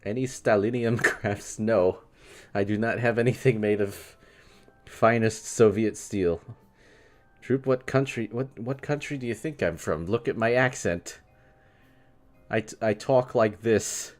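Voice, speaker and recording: A man's voice: lowish voice, unhurried, soft background music. A man in his twenties from New York, wryly rambling as he reads and answers chat on a live stream. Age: 20s. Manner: wry, rambling, reads chat aloud and reacts.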